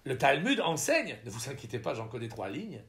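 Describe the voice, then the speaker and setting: A man's voice: mid-range voice, big pitch swings, brisk, fairly bright tone. A man voicing an eccentric, impoverished male wanderer who speaks in an earnest, slyly whimsical way.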